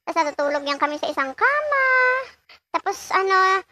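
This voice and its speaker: A woman's voice: very high voice, very animated, fairly quick. A middle-aged woman, chatting casually and joking while she decorates a cake, laughing often and mixing in English. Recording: loud background noise.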